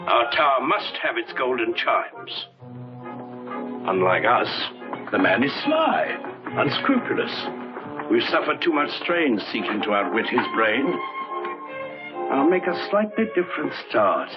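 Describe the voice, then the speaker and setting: A scheming, miserly official plots in a 1950s musical. His intonation is very lively, on a dull old soundtrack with music underneath. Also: mid-range voice, unhurried, pauses often. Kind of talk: 1950s musical film acting.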